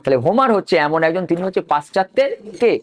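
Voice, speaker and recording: A man's voice: sits high, expressive, rapid-fire. A male history teacher giving an exam-prep lecture, dictating names letter by letter and asking and answering his own questions.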